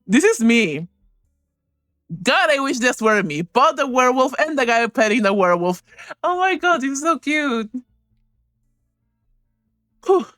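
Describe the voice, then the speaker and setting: Excitable, giggly woman streamer. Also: high-pitched, unhurried, long pauses, dry recording, clean studio sound, soft background music. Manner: giggly, excitable, swears freely. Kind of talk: gaming stream commentary.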